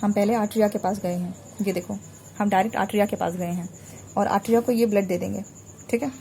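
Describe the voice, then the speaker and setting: A woman's voice: medium pitch, fairly even intonation, fast, vocal fry, warm tone, a little hiss or hum. A woman teaching a biology revision lesson while drawing a diagram, patiently repeating terms so students remember them. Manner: patient, repeats terms to drill memory tricks. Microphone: recorded while drawing a diagram on a board.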